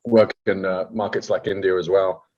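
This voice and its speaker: A man's voice: sits low, flat delivery, normal speed, darkish tone. A man speaking casually as a guest answering questions in an interview. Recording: slightly dull, lo-fi sound.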